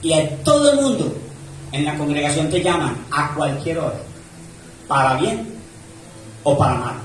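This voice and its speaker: Male pastor with a high voice, preaching with swelling emphasis, heard from a distance in an echoey church. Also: expressive, a little slow, slight background noise. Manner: preaching with rising and falling emphasis, reads scripture aloud. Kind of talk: sermon. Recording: echoey church room from far off.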